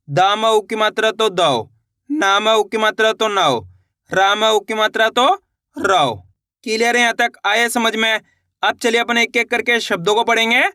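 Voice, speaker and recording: A man teaches beginners to read, his voice high and bright. He asks a question, then answers it himself, and drags out each syllable as he sounds it. The recording is dry and close, with no room sound. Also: no echo. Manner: patient, repeats questions and answers them himself; slows and stretches syllables when sounding out words. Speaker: Hindi teacher. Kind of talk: step-by-step reading lesson.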